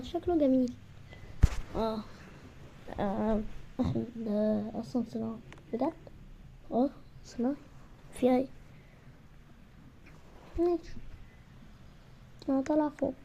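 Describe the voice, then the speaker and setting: A woman's voice: a little high, a little mellow, slight background noise. A young woman with an Egyptian Arabic accent, playfully acting out bickering characters in a game and switching between voices. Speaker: gamer.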